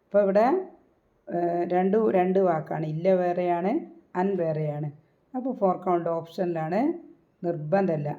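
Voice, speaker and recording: A woman teaching a recitation lesson in Malayalam, patiently repeating syllables slowly to demonstrate the sounds. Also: lowish voice, fairly even intonation, narrow, tinny audio.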